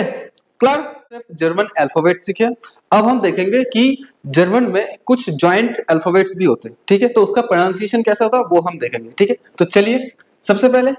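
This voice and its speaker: A woman from India teaching a beginner German lesson. She drills letter sounds slowly and keeps checking that the learners follow. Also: medium pitch, lively intonation, a little mellow, rough recording. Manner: patient drilling, frequent "okay?" check-ins, slow spelled-out letters.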